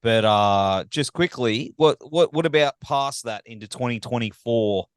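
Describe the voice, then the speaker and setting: A man hosting a podcast interview over a video call, upbeat and chummy with quick hyped reactions. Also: mid-range voice, smooth, no echo, studio quality. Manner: upbeat, chummy, hype responses. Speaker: podcast host.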